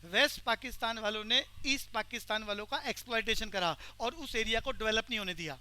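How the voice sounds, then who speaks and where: A male teacher lecturing a class and pressing the students for quick answers. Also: high-pitched, sharp tone, clean tone.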